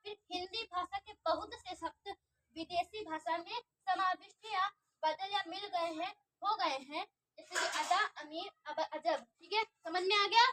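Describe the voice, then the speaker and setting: A woman's voice: extremely high pitch, a little slow, pushed and bright. A woman teacher giving an online grammar lesson, asking questions and answering them herself and often checking whether the class understands. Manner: repetitive, restarts words while explaining.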